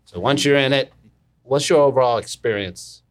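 A man's voice: mid-range voice, normal speed. A man co-hosting a podcast with casual, jovial, teasing banter and questions for the guest. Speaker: podcast co-host.

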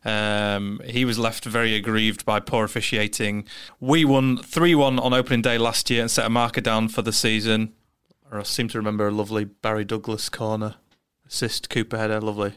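A man in his thirties with a clean, smooth voice giving a casual football preview on a podcast. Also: lowish voice, little pitch movement, a little fast, fairly bright tone. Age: 30s. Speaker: podcast co-host.

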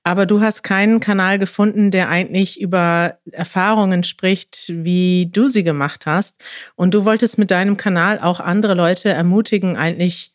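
A woman's voice: fairly low pitch, steady tone, moderate pace, no echo, clean studio sound. Woman hosting a podcast interview. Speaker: podcast host.

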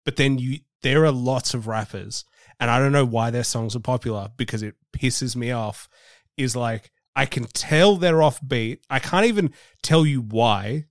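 A man hosting a casual interview podcast, speaking in a relaxed, blunt, conversational way. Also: mid-range voice, normal speed, no room sound, clean studio sound. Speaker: podcast host.

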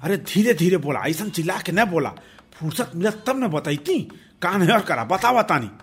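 A crafty village husband with a husky, breathy edge and a Bhojpuri accent, put on by a man telling the story. He talks in a sly, teasing way and sits high for a male voice. It suits a spoken storybook. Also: very animated, moderate pace, fairly bright tone, full character voice. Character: clever scheming village husband.

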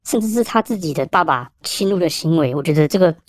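Fast-talking Taiwanese Mandarin man. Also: fairly high pitch, no echo, clean studio sound. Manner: rapid, animated, mixes in Hokkien phrases. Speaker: police officer guest. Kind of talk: casual storytelling.

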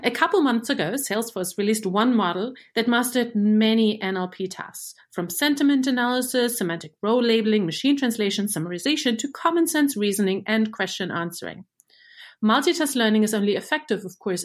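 A woman from Germany, a native German-speaking research engineer, gives a measured, clear scripted rundown of machine learning, her voice on the high side with lively intonation.

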